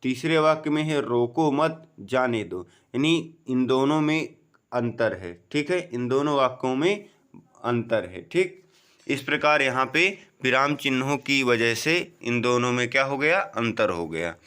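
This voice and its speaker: A man giving an exam-prep grammar lesson, slowly explaining, asking and answering his own questions, often saying "okay" and "friends". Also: lively intonation, a bit bright, clean tone. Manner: drops low on the answer words. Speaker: teacher.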